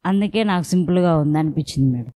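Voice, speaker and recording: A young woman with a deep, dark-toned voice speaks quickly and animatedly, recorded with no echo. As a patient giving interview testimony, she earnestly recounts her pregnancy, constantly addressing the interviewer as "madam."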